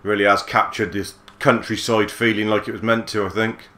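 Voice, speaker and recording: Male let's player, deep monotone voice, laid-back musing. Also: brisk. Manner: relaxed musing, mild swearing. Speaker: gaming channel host. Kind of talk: let's play commentary.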